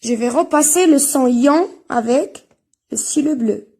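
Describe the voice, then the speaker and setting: A woman teaching a reading lesson, speaking slowly and spelling out sounds and syllables one at a time with careful enunciation. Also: high voice, creaky, warm tone.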